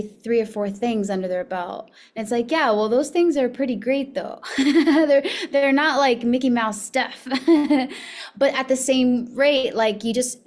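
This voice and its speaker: A young actress from Miami talks casually as an interview guest, her voice sitting a little high. She chats freely, laughs often and leans on fillers like "you know what I mean.". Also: darkish tone. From Miami, United States.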